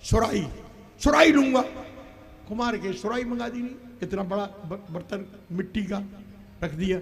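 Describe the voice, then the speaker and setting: A man playing a saint who tells a lively parable, acting out a crying child, and gently refuses a request. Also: high-pitched, moderate pace, vocal fry. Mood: storytelling. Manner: animated storyteller, acts out voices. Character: wise saint, storytelling elder. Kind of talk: folk stage play.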